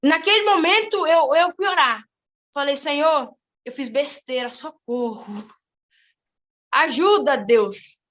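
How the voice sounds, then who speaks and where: A teenage girl giving an animated church testimony, telling her story in a quick, lively way. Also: high voice, dull audio. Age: teens. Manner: animated, fast-moving storytelling. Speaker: testimony giver.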